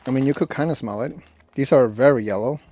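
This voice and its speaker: A man giving a casual, unscripted snack review in a rambling, halting way, often correcting himself. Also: medium pitch, warm tone. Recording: noisy, clicks and crinkling bag rustle. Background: crinkling snack bags and clicks.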